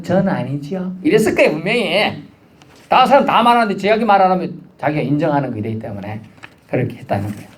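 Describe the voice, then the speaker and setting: A man's voice: fairly high pitch, darkish tone. A man preaching a midweek sermon, in a casual, conversational way, acting out the voices he quotes. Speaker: pastor.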